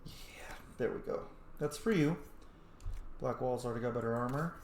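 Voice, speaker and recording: This medium-pitched man talks at a moderate pace, narrating a roleplay playthrough with casual, fragmentary muttering to himself as he plays. Faint background noise and an echoey room color the recording.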